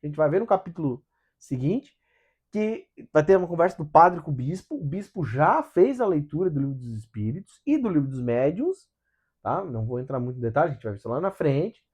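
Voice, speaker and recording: A man's voice: on the high side, big pitch swings, a little fast, a little mellow, slightly rough. A man hosting a casual spiritual book study in Brazilian Portuguese, talking with animation, asking rhetorical questions and acting out quotes in different voices.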